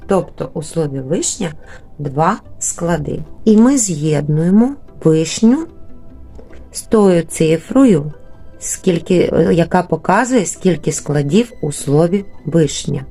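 A woman teaching young children in a remote lesson, patient and slow, stretching out words syllable by syllable, with a Ukrainian accent. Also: deep voice, dark tone, slightly rough. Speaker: primary school teacher.

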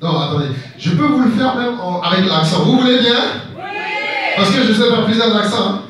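Stand-up comic, man, slightly high voice, playful, teasing the crowd, very echoey stage, heard from far off. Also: fairly quick. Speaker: stand-up comedian. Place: comedy stage with live audience.

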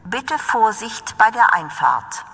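A woman voicing a railway announcer, making flat, formal, measured platform announcements. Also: fairly high pitch, gravelly, slightly rough, full character voice. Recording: long reverberant station PA.

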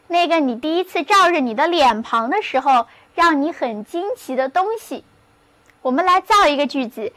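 Woman teacher, high voice, slow deliberate drills, vocabulary lesson. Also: a bit bright. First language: Chinese. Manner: slow, careful spelling and read-after-me drills.

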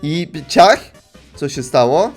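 A young man in casual reaction commentary, excitable and joking as he reads the lines aloud in quick asides. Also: on the high side, faint music behind. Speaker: YouTuber reacting to animations.

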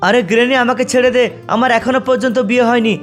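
A man voicing an excitable young male townsman fighting monsters in a game video. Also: very high-pitched, very fast, soft background music. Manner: exclaiming, excitable.

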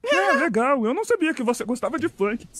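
High-voiced Kermit puppet frog host, acted out. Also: big pitch swings, fast talker, fairly bright tone, slight background noise. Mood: friendly, patient. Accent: Brazilian. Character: friendly puppet frog show host, patient uncle.

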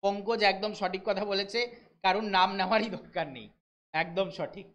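A man from West Bengal teaching a live online exam-prep class, reading English questions out slowly and explaining them briskly while checking in with his students. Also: high-pitched, steady tone, fairly bright tone, muffled recording. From West Bengal, India. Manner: brisk, keeps checking in with listeners.

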